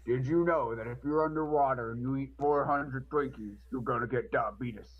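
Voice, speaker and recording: A man's voice: mid-range voice, normal speed, phone-quality sound, close to an everyday voice. A man putting on the voice of an elderly folksy man speaking from inside a submarine. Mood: mock earnest.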